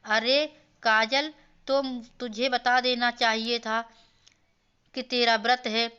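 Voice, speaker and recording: A meek, hardworking elder daughter-in-law from a cartoon story, as a woman puts her on. She speaks slowly in a bright, fairly high voice. The recording is dull and lo-fi. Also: little pitch movement, clean tone. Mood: obliging. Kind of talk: storybook voice acting.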